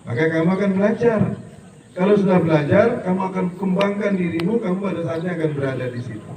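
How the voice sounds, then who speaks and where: A middle-aged man with a high voice speaks fast, a crowd audible behind him, during a humorous religious lecture in a school hall. He jokes around, imitates regional dialects in quoted bits, and motivates students to keep growing in a preachy way. His voice echoes and comes from far off.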